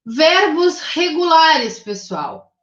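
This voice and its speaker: A high-pitched woman with a Brazilian Portuguese accent walks her class through grammar rules step by step, patient and methodical, checking in every few phrases. Her voice sits in a roomy space, and the recording sounds slightly dull. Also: sing-song, very slow. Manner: patient, methodical, checks in with frequent tag questions. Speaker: English teacher.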